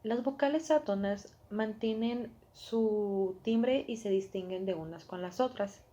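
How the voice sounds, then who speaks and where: Mellow woman explaining a lesson. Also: medium pitch, measured pace, dull audio. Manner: reads from notes, corrects her own slips. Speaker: student presenter. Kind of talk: scripted lesson narration.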